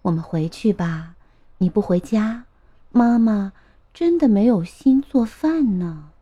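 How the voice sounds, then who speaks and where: A woman voicing a gentle mother comforting her child in a read-aloud storybook. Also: mid-range voice, expressive, slow, muffled recording. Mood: tender. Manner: soft, comforting. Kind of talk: storybook reading.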